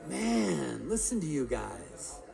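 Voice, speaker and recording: A man giving a live motivational keynote, animated and quizzing the crowd with questions. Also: on the high side, slow, vocal fry. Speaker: motivational speaker. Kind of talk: live keynote talk to an audience. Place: large conference hall. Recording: live hall with long reverb.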